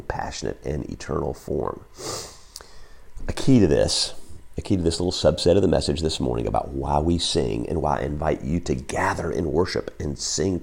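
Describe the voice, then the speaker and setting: A man preaching a Sunday sermon with a croaky, froggy voice, often repeating words as he reads excerpts from a book. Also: rumbling low, darkish tone. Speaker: pastor.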